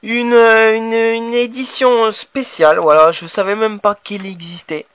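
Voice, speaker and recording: A man with a French accent talks through his horror DVD purchases in a casual, rambling way, full of restarts and fillers. His voice sits high for a man. The recording is dry and close, with no room echo. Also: little pitch movement, a little slow, a bit bright, clear, resonant tone. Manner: hesitant, many restarts and fillers, enthusiastic. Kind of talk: casual unboxing chat.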